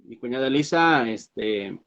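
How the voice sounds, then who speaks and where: Male pastor, mid-pitch, halting sermon storytelling, muffled lo-fi church recording. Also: expressive, creaky, a bit bright. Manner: halting storytelling with many fillers and restarts. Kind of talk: sermon testimony.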